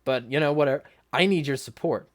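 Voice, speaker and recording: A man's voice: a little high, fairly quick. A man hosting a ranting livestream, blunt and indignant with heavy swearing and a sarcastic edge. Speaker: livestream host. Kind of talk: ranting livestream talk, reading viewer comments.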